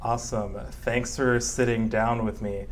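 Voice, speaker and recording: A man's voice: mid-range voice, level tone, unhurried. A man hosting a community interview, asking loose, friendly questions with restarts. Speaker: interviewer, host. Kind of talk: casual interview.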